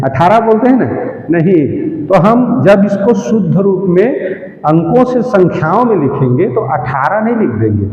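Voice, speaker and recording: A man teaches numbers at a slow, deliberate pace, checking in with quick questions. His voice sits high yet sounds mellow. The sound is dull and echoey, like a classroom recording with long reverb. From Chhattisgarh. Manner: slow step-by-step explaining with quizzing questions. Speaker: math teacher. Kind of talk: classroom math lesson.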